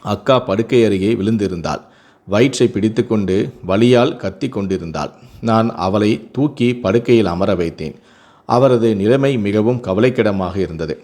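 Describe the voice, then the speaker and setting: Low-voiced male storyteller. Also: moderate pace. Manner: steady reading with occasional self-corrections. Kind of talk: scripted first-person story narration.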